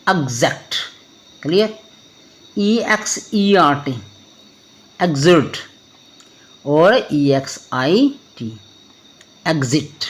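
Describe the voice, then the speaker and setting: A man teaching a pronunciation lesson, spelling words out letter by letter and often checking whether it is clear. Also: a little high. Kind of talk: spoken classroom lesson.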